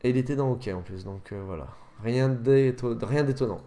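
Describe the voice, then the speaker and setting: A man's voice: mid-range voice, normal speed, mellow. A man chatting casually over gameplay, rambling and often correcting himself mid-sentence. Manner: rambling, self-correcting, fillers. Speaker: gaming youtuber.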